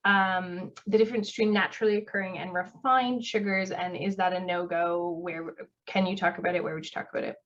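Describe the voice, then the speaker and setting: A woman moderator relaying an audience question in a hesitant, halting way. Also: lowish voice, fairly even intonation. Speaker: session moderator. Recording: distant muffled mic, faint background noise.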